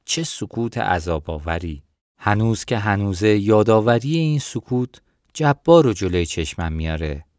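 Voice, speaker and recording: A man reading a novel aloud in the first person, in a steady storytelling manner. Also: on the low side, no echo, studio quality. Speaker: audiobook narrator.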